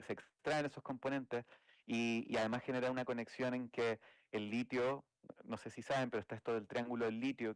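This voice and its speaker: A man's voice: mid-range voice, no echo, low-quality recording. A man from Chile, speaking, giving a thoughtful academic talk as a game designer, with frequent restarts and "eh" fillers. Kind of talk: academic lecture.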